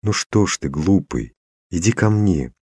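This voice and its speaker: A man's voice: low voice, animated, a little slow, husky, no room sound, studio quality, heavily acted. A man reading a coaxing young woman. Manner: coaxing, soft.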